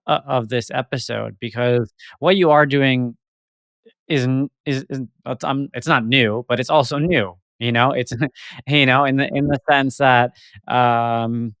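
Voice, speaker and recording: Gravelly smooth-voiced podcast host. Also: male voice, medium pitch, steady tone, measured pace, a bit bright, no room sound. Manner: rambling, thoughtful, many fillers and restarts. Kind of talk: interview podcast.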